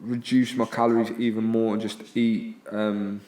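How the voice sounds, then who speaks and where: A man's voice: lowish voice, little pitch movement, moderate pace, darkish tone, distant mic. A man talks informally as a podcast guest. He is a fighter in casual, sweary conversation, recorded in a noticeably echoey space. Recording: roomy, echoey sound.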